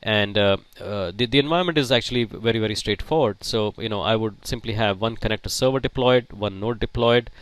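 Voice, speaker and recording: A man teaching a technical lesson, speaking haltingly with frequent fillers and restarts. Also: on the low side, clean tone, no echo. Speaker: IT instructor. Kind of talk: technical lecture.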